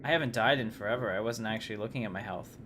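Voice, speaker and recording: Talking rapid-fire in a lowish voice, a man streams his gameplay live, commenting on it and chatting casually with viewers. There's steady noise in the background.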